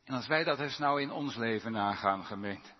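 A man's voice: mid-range voice, normal speed. A man preaching a sermon in a church, rising with emphasis on quoted psalm lines. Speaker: pastor. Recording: dull sound, long church reverb.

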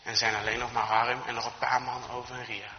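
A man's voice: mid-range voice, little pitch movement, fairly quick. A man telling a Christmas story off the cuff, often repeating words as he goes. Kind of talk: improvised storytelling. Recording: echoey hall, dull lo-fi recording.

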